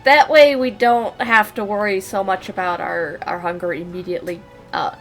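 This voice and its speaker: A woman's voice: mid-range voice, fairly even intonation, normal speed, fairly bright tone, faint music behind. Chatty young woman streaming a game. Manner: chatty, laughing often, reads dialogue aloud. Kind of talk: live game stream commentary.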